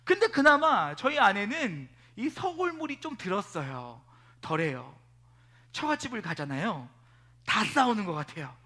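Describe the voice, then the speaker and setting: A male pastor preaching a sermon at a church service, telling stories in an animated way and swinging between loud and hushed delivery. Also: high voice, moderate pace. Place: church sanctuary.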